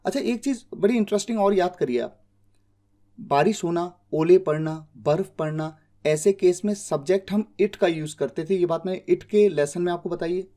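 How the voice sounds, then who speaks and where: Indian man, English tutor; patient step-by-step explainer, warm low tone, drags out example phrases. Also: normal speed. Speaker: English teacher. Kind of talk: spoken English lesson in Hindi.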